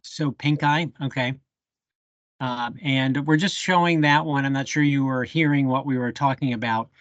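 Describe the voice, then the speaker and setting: A man's voice: mid-range voice, fairly even intonation, moderate pace, a bit bright, no echo, dull audio. A man leading a live bee identification workshop over a video call, thinking aloud with fillers as he works a microscope. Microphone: computer mic on a video call.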